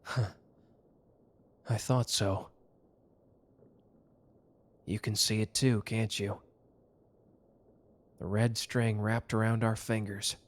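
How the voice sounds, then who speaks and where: A fairly low-pitched man speaks slowly and flatly, pausing often, as a devoted, protective mafia lover with a hot temper. The intimate romantic audio drama has him earnest, tender and reflective.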